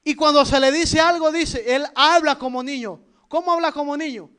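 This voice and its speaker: Man, Salvadoran accent, very high voice, sermon, rhetorical questions, loud and soft turns. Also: normal speed. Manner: fires rhetorical questions at the congregation; lively, shifts between loud and soft. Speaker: preacher.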